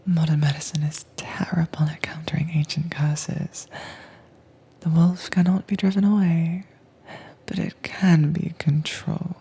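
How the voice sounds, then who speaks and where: An audio drama voice actress with a deep voice whispers close to the mic in a soft-spoken roleplay. She plays a calm, commanding agent holding a werewolf in a cage, sounding breathy, cool, teasing and unhurried.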